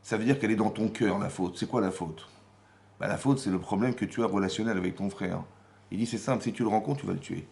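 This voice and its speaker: Man, rabbi teaching a Torah class, lively voice that rises and falls, rhetorical questions, acted-out dialogue. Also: fairly low pitch, quick pace, gravelly. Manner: animated, acts out quoted dialogue, rhetorical questions. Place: Paris community hall.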